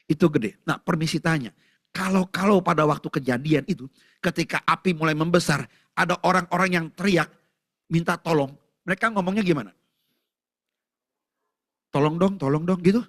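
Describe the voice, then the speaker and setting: A male pastor with an Indonesian accent, preaching a sermon at a church service in an animated way, asking the congregation questions and shouting out prayers. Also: fairly high pitch.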